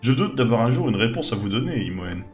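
A man's voice: mid-range voice, sing-song, fast talker, a little mellow, soft background music, natural voice. A man voicing an earnest, learned excavator who explains things formally in a fantasy video game. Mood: regretful. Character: earnest male scholar excavating ruins, sober, learned.

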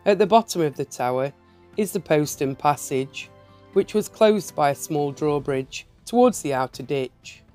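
A woman narrating a historic site tour in an even, measured reading voice. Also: deep voice. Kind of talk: scripted documentary narration.

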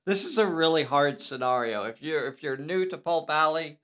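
A man's voice: a little high, animated, moderate pace, fairly bright tone. A man hosting a casual live game stream, chatty and jokey, tossing in silly impressions.

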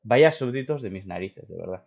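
A young man commentating a game, reading cards aloud in a brash, profane way that swings from mumbles to excited outbursts. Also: lowish voice, brisk, gravelly, muffled recording, noisy background. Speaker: gaming YouTuber.

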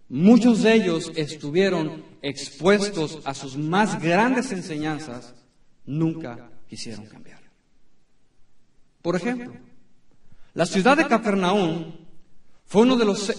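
Emphatic preaching man, echoey church. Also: sits high. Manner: emphatic preaching with dramatic pauses and repetition. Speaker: pastor. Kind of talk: sermon. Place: church sanctuary. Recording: echoey room from a distance.

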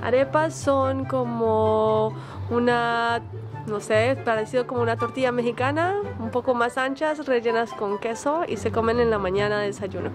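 A woman's voice: a little high, normal speed, over music. A woman teacher from Colombia with a Colombian Spanish accent, explaining with a laugh.

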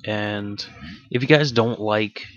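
Low-voiced casual gaming host. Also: male voice, takes it slowly, fairly bright tone. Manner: rambling, offhand, swears casually. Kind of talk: casual gameplay commentary. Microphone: desk microphone with game audio bleeding in. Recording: dull, dry home recording.

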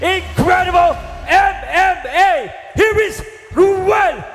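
A man working as a ring announcer, hyping fights with drawn-out boxing-style introductions over a PA. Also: very high-pitched, a bit bright, shouting, some chatter behind. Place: indoor sports club fight cage. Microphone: handheld microphone over PA. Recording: echoey arena PA, music behind.

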